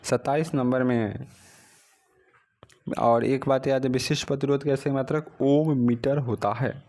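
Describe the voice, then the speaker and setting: This man's voice sits mid-range, and he keeps a measured pace while teaching exam practice. Captured on a phone, he states questions and follows with answers, drilling steadily.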